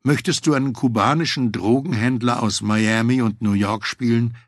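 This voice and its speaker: A man voicing an eager, talkative male FBI agent who pitches his plan persuasively, in a husky voice. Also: steady tone, moderate pace, no room sound, clean studio sound, natural voice.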